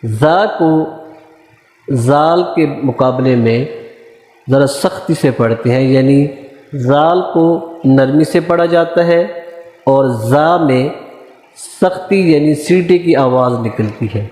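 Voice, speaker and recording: A man teaching a recorded lesson on reading Arabic script, slowly sounding out letters and short words one at a time. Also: on the high side, a little mellow. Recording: echoey room with long reverb.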